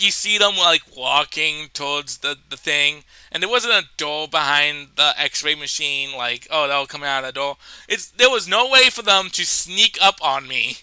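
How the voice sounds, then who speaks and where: A man with a stuffed-up nose telling a comedic personal story in a rambling, animated way, full of fillers and restarts. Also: on the high side, smooth, no echo, rough recording.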